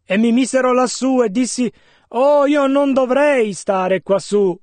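Slow, careful male sermon interpreter. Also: very high-pitched, a little mellow, dry recording. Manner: measured, careful phrase-by-phrase rendering.

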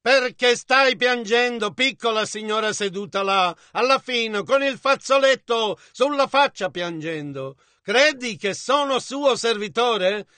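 Guy doing a dub voice-over of a sermon, very high bright voice, measured and even, dry close mic. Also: dry recording. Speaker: interpreter voice-over. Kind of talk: Italian dubbing of a sermon.

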